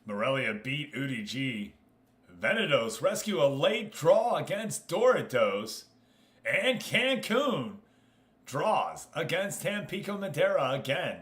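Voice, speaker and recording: With a very animated, slightly bright voice that sits a little high, an American live streamer takes his time as he talks. He chats casually with viewers and commentates on a game, shifting back and forth between addressing them and explaining.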